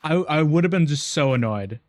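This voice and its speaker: A man's voice: on the high side, animated, fairly quick, dry recording, clean studio sound. A man streaming a game, chatting casually to himself, laughing often and repeating words when frustrated. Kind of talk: casual live gameplay commentary.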